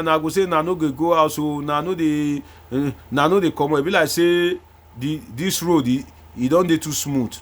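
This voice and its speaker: Lively Nigerian man giving political commentary. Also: on the high side, slightly rough. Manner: lively, sings chants, mimics voices, swings from loud to hushed asides. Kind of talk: animated commentary mixing Pidgin and Yoruba.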